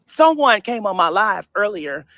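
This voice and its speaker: The recording is dry with clean studio sound, capturing a man's high-pitched, sing-song, unhurried voice with a sharp edge. He's a social media personality in his thirties from St. Louis with a speech impediment, ranting emphatically and repetitively in a casual vlog and often laughing mid-sentence.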